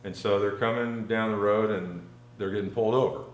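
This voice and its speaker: Rambling low-voiced man telling a story. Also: fairly even intonation, a little fast, reverberant. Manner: rambling, full of "like" fillers. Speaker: podcast guest. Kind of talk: casual storytelling.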